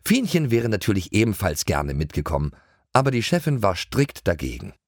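A man reading a children's audiobook in a lively storytelling way, recorded close on a studio mic. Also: lowish voice, brisk, no room sound. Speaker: audiobook reader. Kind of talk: scripted children's audiobook narration.

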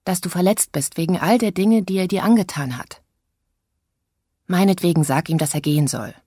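A woman's voice: on the low side, moderate pace, husky, no room sound, clean studio sound. A woman voicing a bossy, eager young girl who coaches her friend through a scene. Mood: coaching. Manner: coaching, insistent, animated.

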